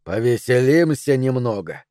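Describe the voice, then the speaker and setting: A man's voice: mid-range voice, sing-song, a little slow, warm tone, no room sound, clean studio sound. A man doing a snarling two-faced thug. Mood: menacing. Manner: snarling, gruff, contemptuous. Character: menacing male thug with a split personality.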